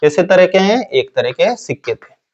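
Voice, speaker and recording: A man with a high, light voice teaches a class, asking a question and then answering it himself in a lower voice. His talk is casual and repetitive. The recording sounds dull and lo-fi. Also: big pitch swings, moderate pace, husky. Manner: asks questions and answers them himself in a low voice. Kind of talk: classroom lecture.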